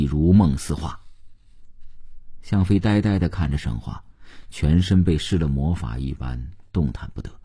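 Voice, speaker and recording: A man narrating a novel as an audiobook, in an expressive, dramatic storytelling manner. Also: sits low, slightly rough.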